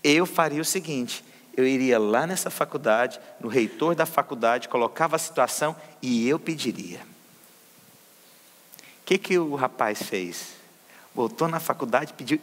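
A man's voice: on the high side, sharp tone, in a large hall. A man preaching a sermon as pastor, asking the congregation questions and answering them himself. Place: church service.

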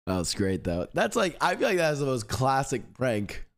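A young man tells a story in loose, casual chat. He swears freely and jumps into his friends' voices, and his voice sits at a middle pitch. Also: big pitch swings, moderate pace. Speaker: streamer.

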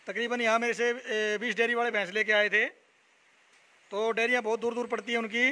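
A young man from Haryana, India, touring a buffalo shed at night and chatting as a dairy vlogger. He repeats numbers and names back and fills pauses with "a". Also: very high-pitched, little pitch movement, sharp tone. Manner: repeats figures and names back, many "a" fillers. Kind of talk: casual walk-around video with interview.

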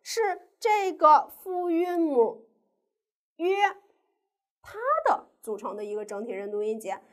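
A woman's voice: fairly high pitch, measured pace. A woman teacher giving a primary school pinyin lesson, asking the children questions and drawing out each sound in a sing-song way.

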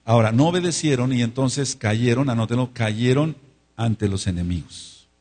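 In this sermon, a pastor speaks at normal speed with a darkish, mid-range voice. He lingers on words to give them weight, urges the congregation to echo his phrases, and asks for amens.

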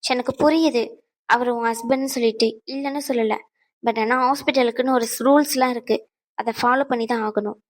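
A woman's voice: a little high, steady tone, brisk, natural voice, poor audio. A woman voicing a firm female doctor in a cartoon dub who lectures on hospital rules. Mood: lecturing. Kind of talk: cartoon dubbing.

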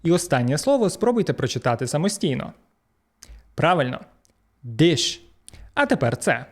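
A man with a Ukrainian accent teaching English pronunciation, slowing down to model each word and giving its translation. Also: on the high side. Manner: lively, slows down to model English words. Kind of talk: pronunciation lesson.

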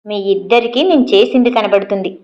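A woman's voice: medium pitch, fairly quick, a little mellow, lightly acted. A stern, controlling middle-aged father, read by a woman in a spoken storybook, lecturing his children about duty in a hard, preachy tone. The lo-fi recording sounds dull.

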